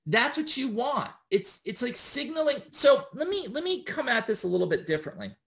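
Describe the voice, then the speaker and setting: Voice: mid-range voice, sing-song, brisk, vocal fry, fairly bright tone. Casual instructor, rambling monologue with constant tag-question check-ins and loose, informal phrasing. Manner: loose and informal, with occasional swearing.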